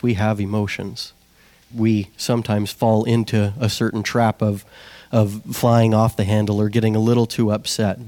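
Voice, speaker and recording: Low-voiced young man preaching. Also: darkish tone, dry recording. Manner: asks the congregation one question after another; plain, conversational preaching with frequent restarts. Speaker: lay preacher. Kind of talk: sermon.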